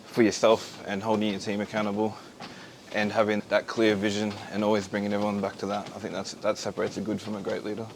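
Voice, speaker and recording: This man speaks at a fast clip in a casual interview while on a treadmill. His voice sits a little low, with faint ambient noise behind it. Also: monotone, creaky. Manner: talking while exercising on a treadmill. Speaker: company founder.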